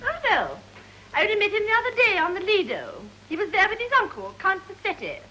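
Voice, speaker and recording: A high, swooping English woman's voice an affected titled lady in stagey 1930s movie style. She coos genteelly, with light hiss from an early talkie soundtrack. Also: very animated, brisk, sharp tone, full character voice, low-quality recording. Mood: effusive. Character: affected titled society lady, smooth matchmaker.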